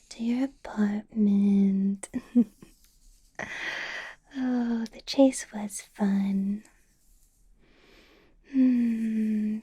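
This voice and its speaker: In this ASMR roleplay, a woman voices a possessive and menacing vampire boss. Her voice sits in the mid-range, and she whispers slowly and breathily, letting out soft, teasing laughs.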